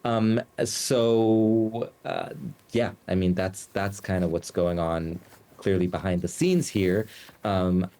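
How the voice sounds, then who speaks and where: A man from the United States, a journalist and Moscow bureau chief, answers questions as a news interview guest. His voice is low, steady, and dark in tone, and he speaks haltingly with many fillers and restarts.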